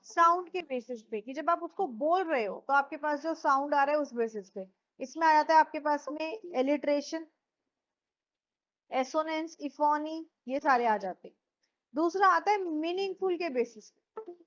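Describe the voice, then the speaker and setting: A woman's voice: high-pitched, measured pace, fairly bright tone, muffled recording. A woman who speaks Hindi as her first language, teaching a classroom lecture and often quizzing her students with repeated questions.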